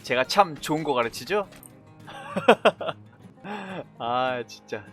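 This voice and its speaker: A man streaming a battle game, chatting casually with viewers in a playful, boastful, teasing way and breaking into sudden shouts. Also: fairly high pitch, animated, extremely slow, soft background music. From Korea. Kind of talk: casual gameplay commentary.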